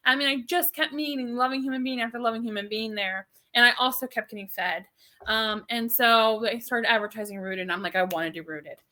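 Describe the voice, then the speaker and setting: Bright-voiced rambling woman storyteller. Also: fairly high pitch, steady tone, a little fast. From Southern California. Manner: rambling storyteller with many fillers and restarts. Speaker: podcast co-host. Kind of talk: casual faith podcast chat.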